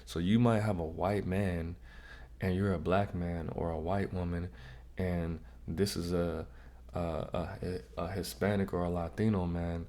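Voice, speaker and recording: A man with a fairly low, dark, mellow voice hosts a casual reaction commentary. He gives blunt, slangy advice straight to the viewer and often circles back to repeat himself. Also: fairly even intonation, unhurried. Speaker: vlog host.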